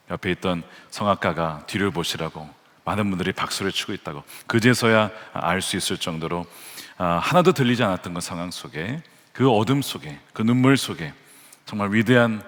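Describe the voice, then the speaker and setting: A man's voice: low voice, a bit bright. A man preaching a Sunday sermon as pastor, earnest and building to fervent emphasis when he quotes scripture. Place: large church sanctuary. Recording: long hall reverb from church sanctuary.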